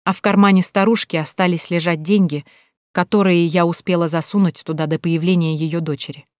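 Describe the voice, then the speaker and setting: Brief: a woman with a fairly low voice reading a first-person story, dry booth sound. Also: fairly even intonation, fairly quick, darkish tone, dry recording. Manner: emotional, pleading in dialogue. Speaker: audiobook narrator. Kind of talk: first-person audiobook narration.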